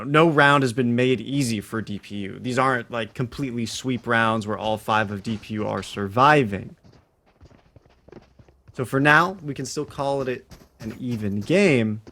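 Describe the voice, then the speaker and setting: A man giving live esports commentary, explaining tactics in a measured, detailed way. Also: mid-range voice, fairly bright tone.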